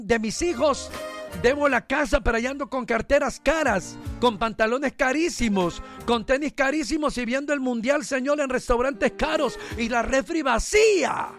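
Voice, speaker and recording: A male preacher with a very high-pitched, somewhat bright voice delivers a joke-filled sermon before moving into a fervent prayer. His manner is fervent, joking and conversational throughout.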